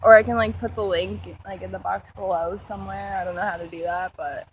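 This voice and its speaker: A woman's voice: mid-range voice, fairly even intonation, fairly quick. A woman hosting her video channel in casual banter, joking and putting herself down. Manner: self-deprecating, joking. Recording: noisy home video. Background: clear background noise.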